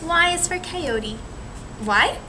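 An extremely high-pitched young woman reads a picture book aloud with lively intonation, taking it slowly and asking the children questions like a teacher. Seated in a small indoor room, she's recorded by a camera a few metres away in a noticeably noisy room.

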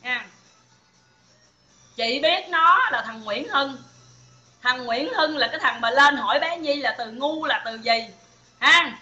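A woman's voice: high voice, roomy sound, dull audio. A woman with a Southern Vietnamese accent, ranting profanely and taunting her listeners on a phone livestream. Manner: profane, taunting, shouting insults. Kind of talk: angry livestream rant.

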